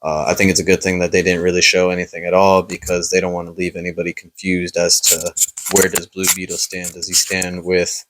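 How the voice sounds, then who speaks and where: A podcast host with a deep, fairly bright voice chats casually about superhero movies, rambling and hesitant with lots of fillers. His delivery is completely flat and brisk.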